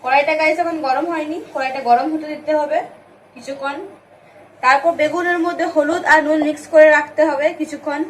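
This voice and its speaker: A woman's voice: sits high, steady tone, brisk, a little hiss or hum. A young woman chatting playfully while she cooks in her home kitchen for a vlog, speaking into a phone camera. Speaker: vlogger. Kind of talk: casual cooking vlog.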